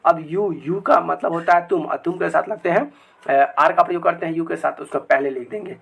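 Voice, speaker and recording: A man teaching English grammar to children in a video lesson, repeating each example sentence slowly several times. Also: a little high, gravelly, a bit bright, slightly rough. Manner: addresses viewers as children. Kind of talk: Hindi-language grammar lesson.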